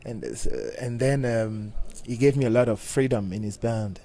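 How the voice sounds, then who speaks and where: A middle-aged man from Cameroon, a bassist talking casually in an interview with many halting restarts. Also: warm tone. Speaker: guest bassist.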